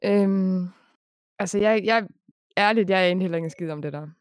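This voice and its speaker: A young woman hosting a casual podcast chat, chatty and quick to laugh, with casual swearing. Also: mid-range voice, no room sound, clean studio sound. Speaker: podcast host.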